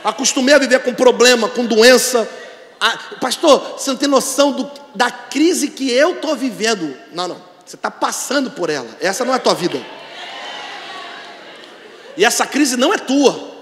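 Brazilian male pastor, bright forceful tone, sermon in a big reverberant church, shouts declarations. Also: very high-pitched, lively intonation, moderate pace, slight background noise. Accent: Brazilian Portuguese. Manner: preaching with call-and-response, building to shouted declarations. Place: large church.

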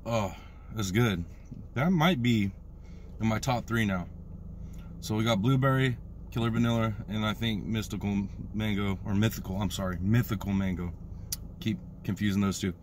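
An American man in his thirties talking with a lip full of dip in a casual, slangy review vlog, drawing out hyped catchphrases. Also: lowish voice. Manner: slangy, drawn-out hype catchphrases. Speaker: product reviewer. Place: inside a parked car. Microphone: phone at arm's length. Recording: noticeable background noise inside a car.

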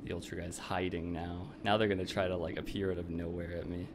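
Low-pitched man commentating on gameplay, noisy background. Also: little pitch movement, fast talker. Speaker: video game player commentating. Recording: clear background noise, game ambience.

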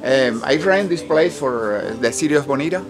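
Middle-aged man, Cuban accent, Spanish native, halting outdoor interview, music underneath. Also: fairly high pitch, expressive. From Cuba. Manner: halting English with restarts and "you know". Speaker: painter. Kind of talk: casual interview. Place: outdoors at a studio cottage in a park. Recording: music behind speech.

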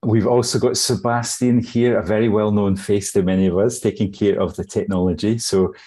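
A man's voice: on the low side, fairly even intonation, normal speed, mellow, breathy edge. A Scottish man hosting an online workshop on a video call, friendly and hesitant with fillers as he runs through housekeeping. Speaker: host. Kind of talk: webinar housekeeping.

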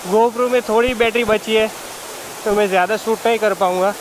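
A young man vlogging casually outdoors in the rain, excitedly pointing out the waterfalls to viewers as he films on a handheld camera. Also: high voice, moderate pace, music in the background. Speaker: travel vlogger. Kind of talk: casual travel vlog. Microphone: handheld phone or action camera. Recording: loud outdoor noise of rain and falling water.

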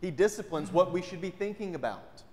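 Fairly quick and animated, this pastor's high voice has a slightly mellow quality. He preaches conversationally into a pulpit microphone, frequently questioning his congregation, while the big sanctuary adds long reverb.

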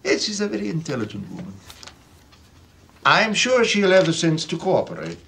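An apartheid-era police interrogator, coolly bureaucratic and taunting, animated delivery. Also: male voice, a little high, moderate pace, vocal fry, a little hiss or hum, exaggerated voice. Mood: menacing mockery.

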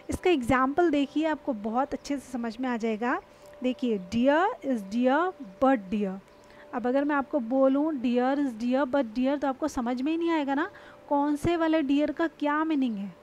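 A woman teaching English homophones in Hindi, who reads the example sentences slowly and asks her students to repeat after her. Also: high-pitched, slight background noise.

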